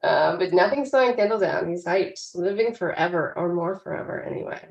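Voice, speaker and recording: A woman's voice: fairly low pitch, brisk, vocal fry, echoey room, dull audio. A woman co-hosting a podcast, recapping a TV episode in casual, chatty talk. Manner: chatty, animated recapping with frequent laughs. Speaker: podcast co-host.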